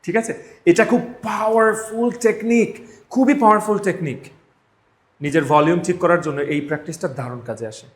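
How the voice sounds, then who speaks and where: A high-pitched male voice at a moderate pace belongs to a spoken English teacher with a Bangladeshi accent. He runs drills during live classroom instruction indoors, speaking emphatically, repeating phrases, and checking students follow along. The recording sounds echoey.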